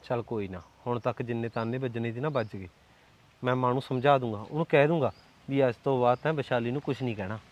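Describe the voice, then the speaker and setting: A man's voice: medium pitch, fast talker, darkish tone, close to an everyday voice. A young actor with a Punjabi accent playing a boyfriend who coaxes and soothes his angry girlfriend. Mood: coaxing. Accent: Punjabi (Malwa). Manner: coaxing, soothing. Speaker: actor in a short film.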